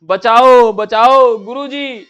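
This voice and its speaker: A man's voice: sits high, lively intonation, normal speed. A man reading the part of a frightened young disciple who begs for his life in a wailing voice. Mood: pleading. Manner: wailing, pleading. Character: poor frightened male disciple facing hanging. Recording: dull lo-fi recording.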